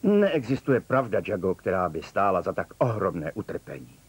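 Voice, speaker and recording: A man dubbing a stern older man who gives cryptic warnings, with a husky voice. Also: deep voice, sing-song, dry recording, exaggerated voice. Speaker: dubbing actor. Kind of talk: dubbed telenovela acting.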